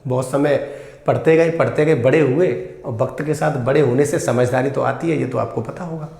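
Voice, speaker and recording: A man's voice: medium pitch, normal speed, creaky, darkish tone. A male English teacher, giving an exam vocabulary lesson and quizzing his students, calling them "beta" and repeating each word. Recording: echoey room.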